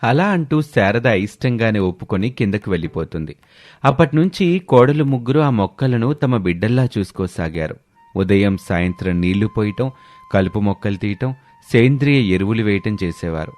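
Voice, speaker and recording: A man narrating an animated family story in a steady, even storytelling manner. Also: on the low side, normal speed.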